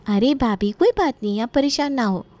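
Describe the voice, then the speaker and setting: A woman's voice: on the high side, lively intonation, normal speed, darkish tone, no echo, pitched above the performer's own voice, natural voice. A woman voicing a clever, cheeky young daughter-in-law with a sly, teasing manner. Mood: cheerful.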